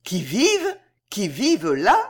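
A polite, genteel older gentleman, as an audiobook reader puts him on. His courteous voice jumps higher when he is shocked, and it swings widely in pitch. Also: sing-song, unhurried, slightly rough. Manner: courteous, raised in surprise.

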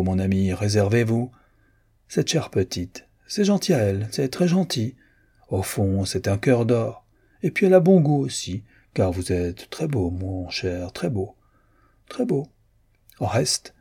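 A man reading an audiobook and voicing a fussy, emotional elderly baroness who gushes, with his voice jumping high. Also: warm tone, husky, exaggerated voice. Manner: effusive, gushing, pitch jumping high.

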